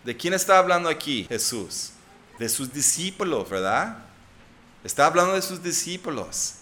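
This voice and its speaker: A man's voice: a little high, very animated, moderate pace, sharp tone, a little hiss or hum. A man preaching a conversational sermon, often asking his listeners questions. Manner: conversational, asks the audience questions.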